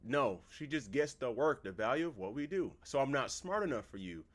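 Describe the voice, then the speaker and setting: A man's voice: mid-range voice, sing-song, a little fast, natural voice. Man reading as a cold cheating husband.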